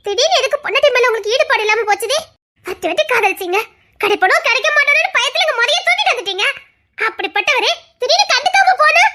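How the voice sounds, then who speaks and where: A woman voicing a hurt young wife in a Tamil audio drama, pleading and tearful, rising to shouts. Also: extremely high pitch, animated, fast talker, heavily acted. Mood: resentful. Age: young adult.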